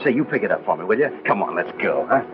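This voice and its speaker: A reluctant, grumbling father talks casually in an old film. His voice is fairly low and very lively, on a narrow, tinny soundtrack. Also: fast talker. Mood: reluctant, busy. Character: grumbling, reluctant middle-aged father helping with a party. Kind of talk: old film drama acting. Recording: phone-like old film soundtrack, loud music.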